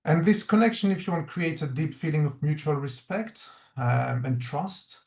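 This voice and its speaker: Male researcher giving a webinar talk, earnest, halting delivery, echoey room. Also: a little high, expressive, vocal fry, a little mellow. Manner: earnest, reflective, many restarts. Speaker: researcher presenting findings. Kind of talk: webinar presentation.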